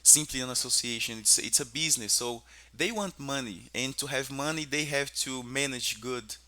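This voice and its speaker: A man's voice: mid-range voice, normal speed, sharp tone, no room sound. A Portuguese-speaking man from Brazil practicing English conversation, often repeating words while he searches for them. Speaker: English student.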